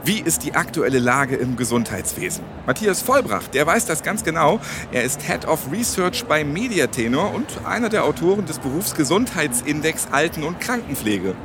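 A man hosting a podcast, presenting clearly and asking interview questions at a trade fair venue. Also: on the high side. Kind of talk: moderated reporting and interview questions.

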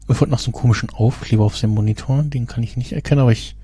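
Rambling German man, dark dry voice. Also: medium pitch, very fast, breathy edge, no room sound. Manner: rambling, many fillers and restarts. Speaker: podcast co-host. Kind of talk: casual chat.

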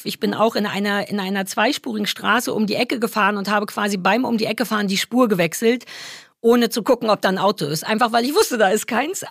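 A woman, co-hosting a casual chat and telling stories in an animated, self-mocking way. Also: on the high side, no echo, studio quality. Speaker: podcast co-host.

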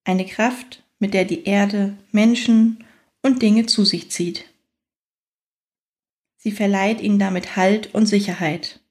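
A woman narrating a scripted guided fantasy journey in a soothing, unhurried manner, leaving long pauses between phrases. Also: medium pitch, fairly even intonation.

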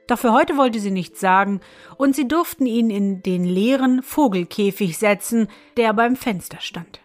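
A woman reading a fairy tale aloud as narrator, in an even storytelling manner. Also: a little high, a little slow, soft background music.

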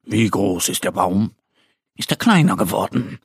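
A man voicing a calm, kindly male deer pharmacist in a children's audio story, gentle and questioning. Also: lowish voice, a little slow, creaky, slightly rough, no room sound, clean studio sound, pitched below the performer's own voice, full character voice.

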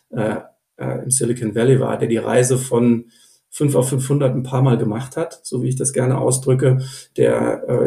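A man's voice: mid-range voice, vocal fry, warm tone, roomy sound. A man speaking as an investor guest on a podcast, thinking aloud with many fillers and restarts. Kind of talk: podcast interview.

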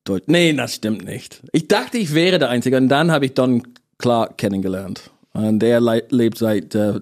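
A man's voice: medium pitch, expressive, a little slow. A man from northern England, a native English speaker, talking as a comedian guest in an interview with an English accent, often restarting his phrases and chuckling at his own jokes. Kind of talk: casual interview chat.

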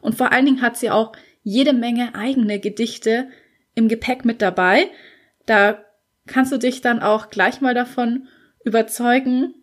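A woman's voice: on the high side, steady tone, unhurried. A woman hosting her podcast, speaking in an enthusiastic, gushing way with fillers. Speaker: podcast host and author. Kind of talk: casual podcast intro monologue.

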